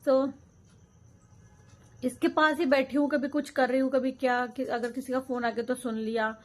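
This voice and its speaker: A woman's voice: high voice, level tone, moderate pace, faint music behind. A woman, a mother, casually narrating a family vlog and talking straight to viewers while she cooks. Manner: chatty, talks straight to viewers while cooking.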